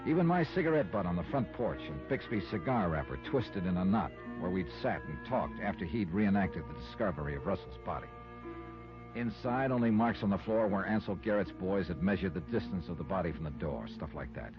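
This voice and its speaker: An American man plays the lead and narrator of a 1950s radio detective drama, a shrewd, world-weary insurance investigator delivering clipped, hard-boiled lines. His low voice is animated and brisk, brooding and intent, on a muffled old recording with music.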